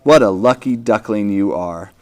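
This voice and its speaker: A man's voice: lowish voice, normal speed, a little mellow, natural voice. A man voicing a protective, scolding mother duck in a children's picture book read-aloud. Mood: fond.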